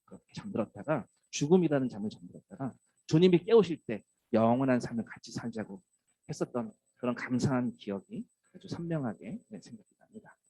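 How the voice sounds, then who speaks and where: A husky man preaches a sermon with a voice that rises and falls a lot. He sometimes drops into a soft, tender tone to act out a scene. The sound is dry and close. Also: mid-range voice, dry recording, low-quality recording. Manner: lively, acts out tender wake-up calls in a soft voice. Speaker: pastor.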